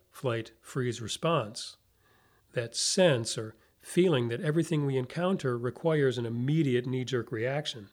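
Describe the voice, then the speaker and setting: A man narrating a guided meditation like a sleep story narrator, giving gentle, unhurried instructions with long pauses. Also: medium pitch. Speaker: meditation teacher.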